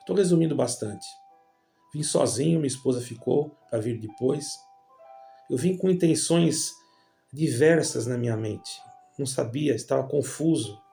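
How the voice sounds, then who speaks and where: A Brazilian man with a Brazilian Portuguese accent, a church member, gives a religious personal testimony, calling his listeners brothers as he rambles through the story. His medium-pitched voice is warm, with vocal fry.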